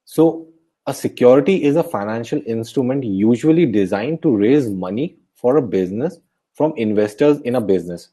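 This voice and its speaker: A young man giving a soft-spoken, explanatory webinar lecture as a guest speaker, often correcting himself mid-sentence. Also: mid-range voice, lively intonation, normal speed, husky, rough recording.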